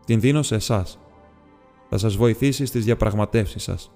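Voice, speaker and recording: A courteous, businesslike hobbit burglar, voiced by a male reader in a storybook reading, fussy and precise. The voice is lowish and sits in a long, ringing reverb. Soft music plays underneath. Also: lightly acted. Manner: courteous, precise, slightly formal.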